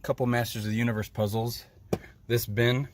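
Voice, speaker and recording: A man vlogging casually, telling animated, excitable stories with fillers and laughs, partly recorded outdoors. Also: medium pitch, a little fast, noisy background. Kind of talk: casual vlog storytelling.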